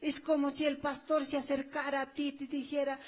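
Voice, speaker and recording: Woman preacher, high voice, emphatic sermon delivery with drawn-out exclamations; dull lo-fi recording. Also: monotone.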